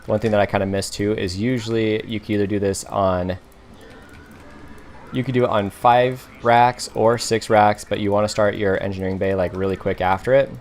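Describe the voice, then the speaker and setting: A man with a fairly low voice talks through a strategy game as he plays it. His commentary is casual and unhurried, half thinking aloud and half explaining to viewers. Keys clack now and then under his words. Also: a little hiss or hum. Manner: relaxed, self-talking, explains moves as he plays. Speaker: gaming commentator.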